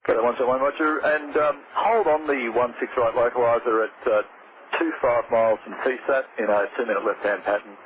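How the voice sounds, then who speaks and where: A man's voice: mid-range voice, steady tone, fairly quick. A man working as an air traffic controller, explaining delays and instructions over aviation radio. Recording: noisy narrow-band aviation radio.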